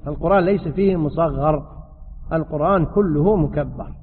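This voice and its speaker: A man, a sheikh, giving a religious lesson and answering questions from the audience in a quick, explanatory way. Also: a little high, slight background noise. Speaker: sheikh teaching fiqh. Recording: tinny, echoey hall sound.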